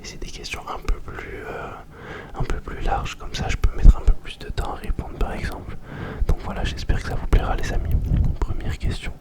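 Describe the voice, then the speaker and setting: A young man doing ASMR, chatting informally in a breathy whisper right in the listener's ear, very close to the microphone. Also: normal speed. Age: young adult. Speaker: ASMR video host. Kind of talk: ASMR, informal question-and-answer chat.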